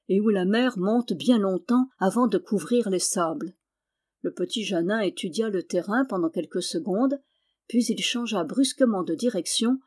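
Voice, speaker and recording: A woman narrating a historical novel audiobook in a steady, measured way. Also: mid-range voice. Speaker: audiobook reader.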